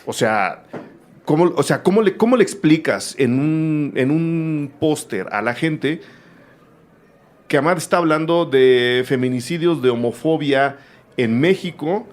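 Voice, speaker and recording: A man's voice: on the high side, animated, measured pace. A man hosting a film show, interviewing a director in a chatty way with rambling asides. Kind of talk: casual interview conversation.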